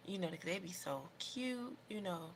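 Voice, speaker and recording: A woman's voice: on the low side, expressive, unhurried, gravelly, low-quality recording. An American woman chatting casually on a livestream as host, rambling and opinionated in an informal way, with noticeable background noise. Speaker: livestream host doing her makeup.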